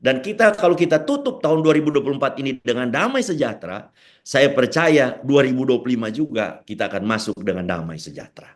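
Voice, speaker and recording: An older man preaching a sermon as pastor, telling a personal story in an animated way. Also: quick pace. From Indonesia. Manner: animated storytelling with wide pitch swings.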